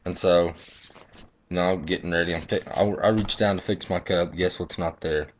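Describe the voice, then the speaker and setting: A man's voice: deep voice, fairly even intonation, moderate pace, a little hiss or hum. A young man, a baseball umpire, telling blunt, profanity-laced stories in a casual vlog. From Texas. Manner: profane, blunt, boastful storytelling.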